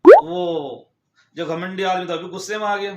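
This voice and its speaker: A man with a high voice tells a moral story in an easy, conversational way. He speaks each character's lines himself, changing his voice only a little. The sound is echoey, as if recorded in a bare room. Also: fairly even intonation, normal speed, darkish tone. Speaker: storyteller vlogger. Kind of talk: casual moral story narration.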